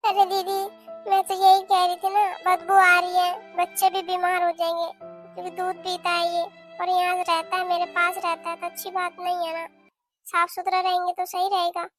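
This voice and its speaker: A woman's voice: very high voice, monotone, normal speed, music in the background. A woman voicing a plaintive young new mother. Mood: pleading. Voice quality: pleading, plaintive. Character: young new mother recovering, pleading and put-upon. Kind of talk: cartoon voice acting.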